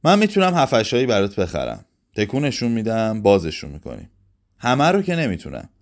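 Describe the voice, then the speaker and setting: A man voicing a gruff but kindly young man in a read-aloud story, asking blunt, teasing questions. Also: fairly low pitch, huge pitch swings. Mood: reasoning.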